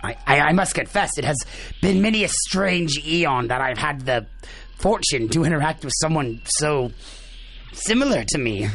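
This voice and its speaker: A man's voice: fairly high pitch, lively intonation, moderate pace, fairly bright tone. A man playing a vain, grandiose demon in an audio comedy drama, speaking in a pompous, theatrical way. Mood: smitten grandiosity.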